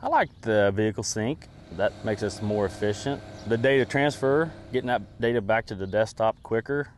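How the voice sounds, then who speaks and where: Low-voiced matter-of-fact farmer. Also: male voice, normal speed, a little hiss or hum. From United States. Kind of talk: on-camera interview.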